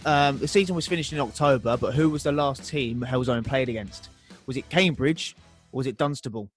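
A man's voice: medium pitch, a little fast, faint music behind. Friendly man hosting a podcast quiz. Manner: friendly, teasing. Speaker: podcast host. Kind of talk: casual quiz chat.

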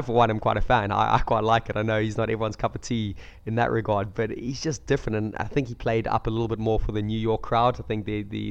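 A man croaky from a cold, chatting casually about sport as a podcast co-host. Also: lowish voice. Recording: dull lo-fi audio.

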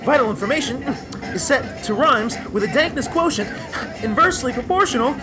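A man's voice: expressive, moderate pace, muffled recording, over music, a crowd in the background. An actor playing an eccentric, pushy male showman from another universe who talks in rhyming patter. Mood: showy. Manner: exuberant showman, wild jumps in pitch, rhyming patter.

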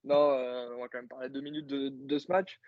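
Co-host masculin bavard, hésitant, quelques euh, son un peu terne et sec. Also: male voice, medium pitch, level tone, brisk, dry recording, dull audio. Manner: chatty, hesitant with many fillers, joking asides. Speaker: podcast co-host, football analyst. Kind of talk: casual play-by-play recap.

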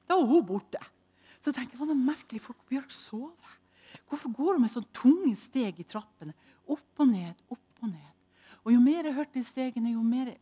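A woman preaching a sermon, telling a personal story dramatically and moving between hushed and loud delivery. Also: fairly high pitch, husky.

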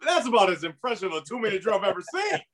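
A man's voice: high-pitched, very fast, fairly bright tone. A man hosting a casual sports interview, informal and affirming, repeating himself for emphasis. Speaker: podcast host.

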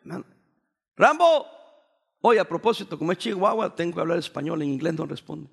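A man's voice: on the high side, quick pace, creaky, breathy edge. A male pastor delivering a sermon, telling stories with energy and dropping in English phrases. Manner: animated storytelling preacher, mixing in English phrases.

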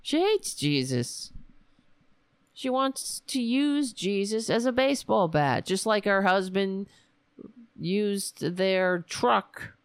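A woman hosts a casual political talk show, rambling and sarcastic, her mid-range voice hoarse because she's losing it. The recording is dry.

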